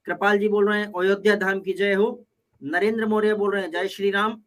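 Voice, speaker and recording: A man's voice: high-pitched, steady tone, brisk. A man on a live political panel debate, reading out viewer comments one after another and arguing back with quips. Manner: reads comments aloud, argues with quips.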